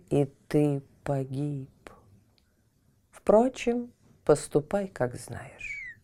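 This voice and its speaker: Woman doing a stern regal night queen from a storybook, slow and grave, dark mellow tone. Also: low voice, full character voice. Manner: stern and commanding, turning coaxing.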